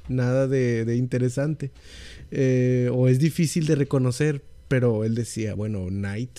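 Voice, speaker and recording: A man's voice: medium pitch, fairly even intonation, unhurried, mellow. A man co-hosting a casual film podcast, chatty and rambling with frequent restarts. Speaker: podcast co-host.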